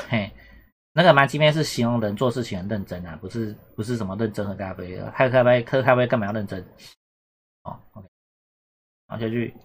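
A man's voice: on the low side, brisk, pauses often, a bit bright. A man teaching a casual exam-prep lesson, repeating points and checking whether students follow. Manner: chatty, repetitive, asks "懂哈？有没有？" often. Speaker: Japanese teacher.

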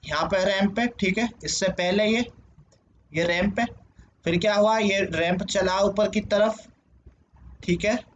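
Guy teacher, pretty high voice, walks thru a problem asking himself stuff, muffled lo-fi audio. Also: a little slow, long pauses. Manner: asks questions and answers them himself; frequent "ठीक है" check-ins. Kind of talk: whiteboard lesson explanation. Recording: dull lo-fi sound with faint noise.

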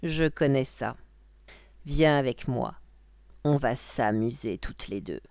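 Lady doing a wicked old witch, cackly and theatrical, slow drawn-out lines. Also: a bass voice, animated, creaky, darkish tone, no room sound, heavily acted. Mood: scheming.

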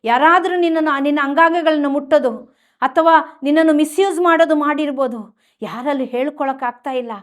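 A woman preacher with a Kannada accent giving a healing sermon, speaking tenderly and pleading straight to the listener. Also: high voice. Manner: voices heartfelt prayers in first person. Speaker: nun preacher.

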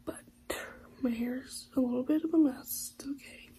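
A woman's voice: sits high, steady tone, moderate pace, dark tone, slight background noise, low-quality recording. A young woman chatting casually in a home vlog, her voice nasal and congested from a cold, rambling and often dropping to a half-whisper. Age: young adult. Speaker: vlogger. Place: at home, indoors.

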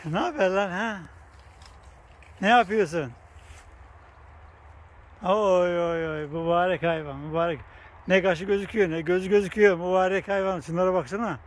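Outdoors by grazing bison near a bike path, a vlogger with a high voice films a casual video at normal speed with long pauses. He coaxes the animals closer and chats affectionately with his viewers, laughing often.

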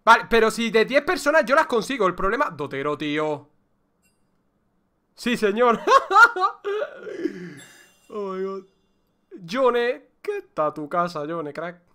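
A man with a Spain Spanish accent streaming a video game, chatting casually with excitable, theatrical, joking complaints. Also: high-pitched, measured pace, long pauses, smooth. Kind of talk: casual livestream gameplay chatter.

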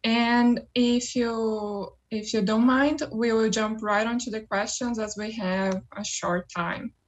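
A woman's voice: fairly high pitch, steady tone, slow, lo-fi sound. A woman in her twenties from Brazil, politely moderating an online panel and reading questions with care. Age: 20s. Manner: polite, reads questions carefully. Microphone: webcam on a video call.

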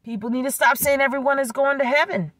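A woman preaches in a high, bright voice with a dry, close sound, speaking through a swollen throat and tonsils. Her religious monologue is emphatic and exhorting, and she repeats phrases to drive them home. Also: fairly even intonation, quick pace, dry recording. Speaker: religious video creator, preacher.

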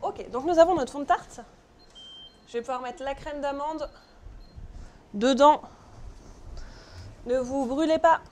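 Her voice sits high, and this pastry instructor speaks a little slowly with long pauses, over a faint hiss or hum. Teaching a live online baking class in her kitchen, she chats with viewers, jokes, and often asks "ok?".

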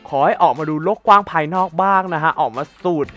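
A man's voice: on the high side, fast talker, fairly bright tone, soft background music. A man hosting a gaming channel, giving playful gameplay commentary in a mock-formal, teasing and sarcastic way, full of exclamations.

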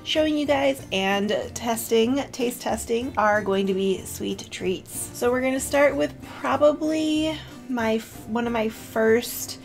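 A woman's voice: on the high side, slow, creaky, faint music behind. A young woman vlogging casually to camera, chatty and full of "like", emotional and close to tears. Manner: chatty, with filler "like" and self-corrections. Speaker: beauty vlogger.

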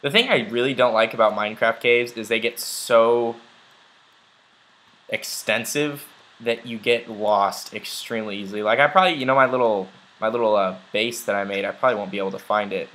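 In a let's play, a young man keeps up brisk, rambling chatter about his game, scattering ums and uhs throughout. His pitch is fairly low and his tone fairly bright, on a rough recording.

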